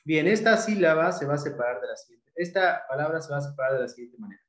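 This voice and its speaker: A man with a Mexican accent explains an exam-prep lesson step by step, going back over his key points. His voice sits a bit high for a man. The room around him rings with echo. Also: expressive, fast, fairly bright tone. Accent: Mexican Spanish. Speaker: teacher.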